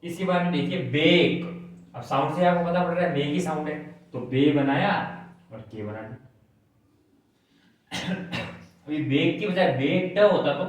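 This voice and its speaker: A man patiently teaching a shorthand class, explaining step by step and checking whether his students follow. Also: fairly high pitch. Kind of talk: classroom lesson explaining on a board. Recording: very echoey room, mic at a distance.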